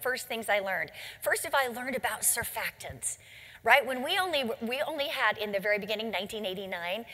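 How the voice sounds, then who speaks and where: Woman, founder giving a motivational talk, bright and forceful, slightly high voice, hall reverb. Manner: emphatic storytelling, rhetorical questions. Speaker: company founder speaking to distributors.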